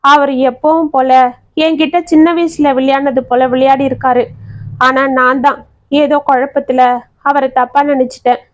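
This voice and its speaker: A woman's voice: high voice, level tone, normal speed, natural voice. Tearful young village woman, voiced by a woman narrator. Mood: regretful. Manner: tearful, earnest colloquial speech. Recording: dry, slightly dull audio.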